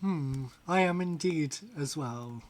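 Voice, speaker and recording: Taking his time, a man with a voice on the high side chats casually during a game stream. He rambles, laughs frequently and reads out what chat says.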